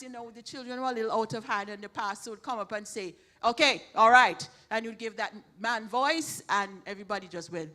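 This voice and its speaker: A woman's voice: fairly high pitch, bright, forceful tone. A woman leading church announcements, thanking helpers in a chatty way with many restarts. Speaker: church program leader. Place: church hall.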